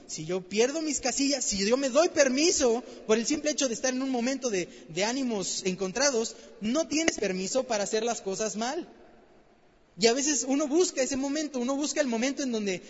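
A man preaching a conversational sermon, asking rhetorical questions and repeating phrases for emphasis. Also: very high-pitched. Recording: long hall reverb, dull lo-fi sound.

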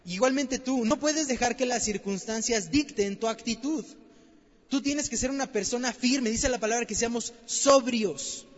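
A man with a very high voice preaches a conversational sermon, repeating key words and asking the congregation question after question. His voice rings with a long hall reverb. The recording sounds dull and lo-fi. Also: moderate pace.

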